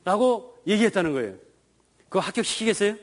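A man's voice: high-pitched, animated, quick pace. A middle-aged man giving a lecture on raising children, acting out parents and children and asking the audience questions. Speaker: speaker on parenting. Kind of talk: lecture with acted dialogue.

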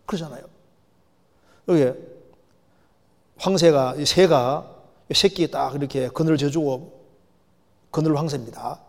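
A man preaching a sermon as a pastor, emphatic, slowing down and getting louder on key phrases. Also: fairly high pitch, gravelly. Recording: long hall reverb.

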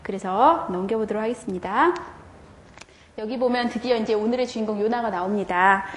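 A woman Sunday school teacher presenting a lesson plan to fellow teachers, telling the story in an animated way and asking rhetorical questions. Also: mid-range voice, brisk, slight background noise. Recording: echoey room.

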